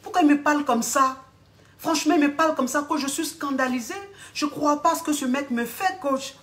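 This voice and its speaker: A woman's voice: high-pitched, lively intonation, moderate pace, fairly bright tone. A woman playing a vain, self-pitying young female client who keeps pleading and calling out "coach". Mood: indignant. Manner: whining, pleading, repeats "coach" constantly.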